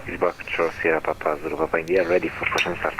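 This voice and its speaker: A man's voice: very deep voice, flat delivery, racing, pushed and bright, rough recording. A man making radio calls to air traffic control over a pilot's cockpit headset, in clipped aviation phraseology with frequent "uh" and "um" fillers. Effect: heard over a pilot's cockpit headset radio.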